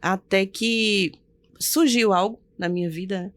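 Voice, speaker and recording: A middle-aged woman pastor shares her testimony in a relaxed interview at an ordinary, middling pitch. She tells it with lots of animation and acts out the voices of the people in her story. The recording is dry and close, with almost no room sound. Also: unhurried, no echo. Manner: animated storyteller who acts out quoted voices and laughs often. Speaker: pastor, podcast guest. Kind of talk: personal testimony in a casual interview.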